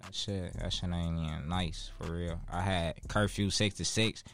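A Chicago man in his twenties talks casually as an interview guest, using street slang, profanity and emphatic repetition in his Chicago accent. His voice is deep and gravelly with a fairly bright tone, fairly even intonation and a normal speed. Faint music plays in the background.

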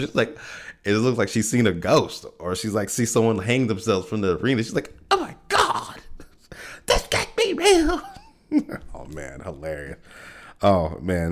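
A man hosting a casual solo podcast, laughing often and restarting his sentences as he talks. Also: sits low. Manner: loose, laughing, lots of restarts and repeated words. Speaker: podcast host.

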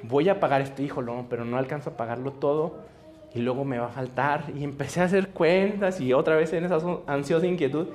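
A man preaching to a congregation in a relaxed, conversational way. His voice sits a bit high, and he slips into acted-out dialogue and quick chuckles as he tells stories. A faint hiss of noise lies under the church recording. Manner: storytelling, acts out dialogue, chuckles often. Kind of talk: conversational sermon. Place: church service before a congregation.

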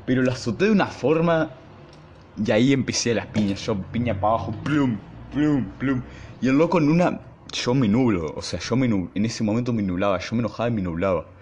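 A young man with an Argentine accent, hosting his podcast and telling a school story in a casual, slangy, animated way. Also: mid-range voice, a little fast, muffled recording, slight background noise. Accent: Argentine Spanish. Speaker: podcast host.

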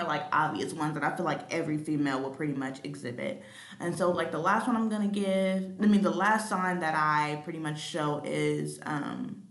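A woman's voice: lowish voice, reverberant. A woman in her late twenties hosting a solo podcast, talking bluntly and casually with plenty of swearing and ums. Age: late 20s. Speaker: podcast host. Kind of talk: candid solo podcast monologue.

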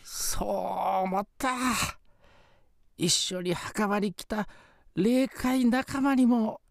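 A man voicing the ghost of a doting, sentimental old grandfather in a drawn-out, wavering ghost voice for a comedy radio skit. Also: sits high, no room sound, studio quality, pitched above the performer's own voice. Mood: proud, delighted.

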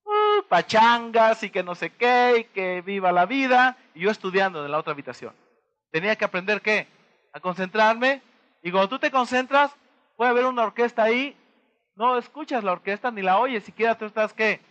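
Bright-voiced Mexican man giving a motivational talk. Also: sits high, animated, normal speed, lo-fi sound. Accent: Mexican Spanish. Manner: asks the audience rhetorical questions and acts out little dialogues. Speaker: motivational speaker.

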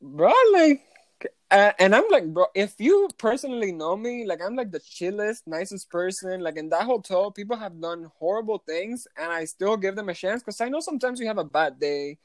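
A young woman casually telling a hotel front desk story as a podcast co-host, animated and swearing a lot, sometimes slipping into Spanish. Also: mid-range voice, brisk, few pauses, no room sound. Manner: switches between English and Spanish.

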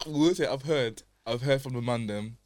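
A man's voice: medium pitch, moderate pace, darkish tone, dry recording. A young man with a London accent and roadman slang, bantering casually on a group podcast. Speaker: podcast participant.

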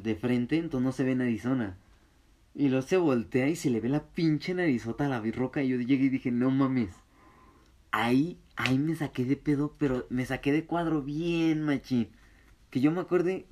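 A man's voice: medium pitch, warm tone. A young man with a Mexican accent casually telling a story in heavy slang, often breaking into laughter. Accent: Mexican Spanish.

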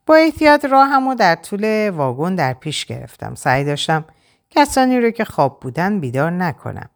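A woman narrating an audiobook in an expressive, dramatic reading style. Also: lowish voice.

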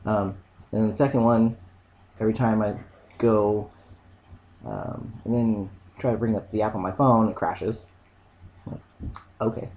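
A man in casual chat, rambling and halting with lots of ums. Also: on the low side, vocal fry, highs cut off, a little hiss or hum.

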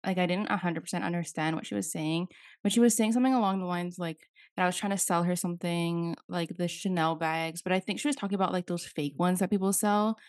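A woman's voice: lowish voice, steady tone, quick pace, a little mellow, no echo, studio quality. A young woman co-hosting a podcast, telling a rambling story in casual chat, full of "like" fillers and freely swearing. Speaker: podcast co-host.

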